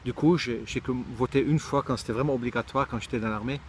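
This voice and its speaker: This middle-aged Israeli man talks quickly in a mid-range voice, offering personal reflections in a searching, thoughtful way. He keeps restarting sentences, and a little hiss or hum can be heard.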